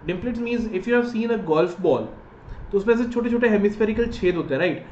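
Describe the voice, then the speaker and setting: A man in his thirties with a North Indian accent teaches maths in an explanatory online lesson that mixes English and Hindi, often checking understanding with short questions. His high-pitched voice is animated and rapid-fire with a darkish tone. The recording has a roomy echo, a dull sound, and faint noise.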